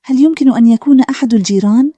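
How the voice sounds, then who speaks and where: A man's voice: extremely high pitch, very fast, warm tone, no room sound. A woman voicing a wary, startled village man who exclaims in an anxious way while reading a bedtime story.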